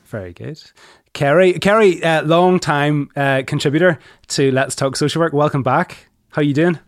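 A man's voice: fairly high pitch, normal speed, no echo, clean studio sound. A man with a Belfast accent, hosting a conversational interview podcast and putting questions to guests. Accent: Northern Irish, Belfast. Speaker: podcast host.

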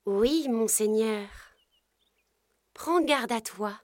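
A woman voicing a gentle, wise magical rose that gives soft warnings in a storybook tale. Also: a little high, drawn-out words, no echo, studio quality, pitched above the performer's own voice.

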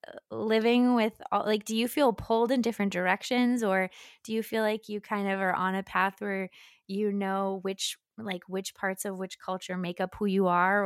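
A woman's voice: medium pitch, no room sound, studio quality. A woman hosting her own show, asking long rambling questions full of likes. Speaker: podcast host. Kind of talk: casual interview.

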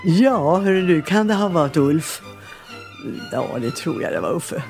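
A woman's voice: lowish voice, vocal fry, faint music behind. An older woman from southern Sweden, a singer being interviewed, telling chatty, rambling anecdotes. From Skåne, southern Sweden. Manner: chatty, lively anecdotes, rambles and laughs easily. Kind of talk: casual storytelling.

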